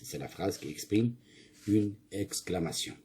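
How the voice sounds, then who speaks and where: A man's voice: low-pitched, lively intonation, unhurried, darkish tone, slightly rough. A male teacher going through a grammar exercise, asking questions and answering them himself. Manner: asks questions then answers them himself, corrects slips. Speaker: primary school teacher. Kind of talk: grammar lesson, reading and explaining exercises.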